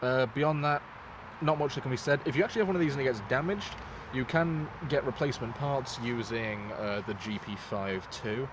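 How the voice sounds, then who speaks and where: Man, mid-pitched, casual review host, loose informal delivery, slightly noisy recording. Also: a little fast. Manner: informal, sweary. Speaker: host reviewing gas masks.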